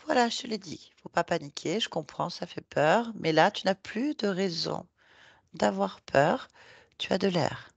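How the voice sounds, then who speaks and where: Gravelly soothing woman hypnotherapist. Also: on the low side, lively intonation, a little slow, dry recording. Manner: soothing, coaxing, repetitive reassurance. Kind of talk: guided hypnosis session.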